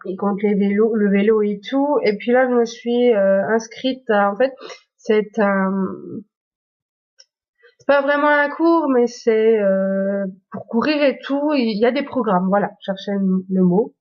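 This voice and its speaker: A woman's voice: mid-range voice, a little slow, muffled recording. A woman chatting casually through the apps on her phone, hesitant with many fillers and restarts. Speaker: YouTuber. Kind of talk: casual phone tour vlog.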